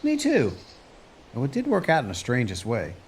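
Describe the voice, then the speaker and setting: An actor playing a kindly, plain-spoken country rancher in a family drama, talking in a folksy old-prospector way. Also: male voice, mid-range voice, wildly swooping pitch, normal speed, slight background noise. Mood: wry, gentle. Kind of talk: acted family film dialogue.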